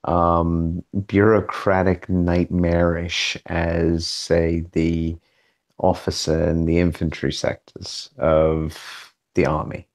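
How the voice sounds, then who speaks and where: A man on a group call asking wry, drawn-out questions. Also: low-pitched, completely flat delivery. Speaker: caller. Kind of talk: casual group call chat.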